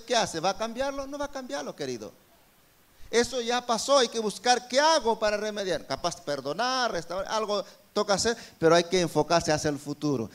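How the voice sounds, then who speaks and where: Peruvian pastor guy preaching, fairly high voice, keeps firing questions at the congregation. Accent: Peruvian Spanish. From Peru. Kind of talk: sermon. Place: church service.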